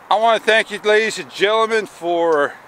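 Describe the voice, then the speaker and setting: A man in his forties vlogging outdoors, rambling slowly and haltingly with frustration, on a clip-on mic. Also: sits high, fairly bright tone, slight background noise. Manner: slow, halting, frustrated rambling with long pauses. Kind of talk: casual walk-and-talk vlog. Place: outdoors on a sunny garden patio and paths. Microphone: small wireless clip-on mic.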